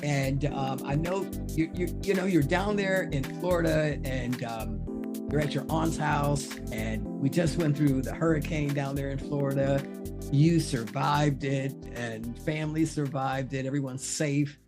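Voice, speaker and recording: A man hosting a podcast interview, relaxed and rambling, often repeating words. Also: a little high, measured pace, over loud music. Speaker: podcast host. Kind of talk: casual interview.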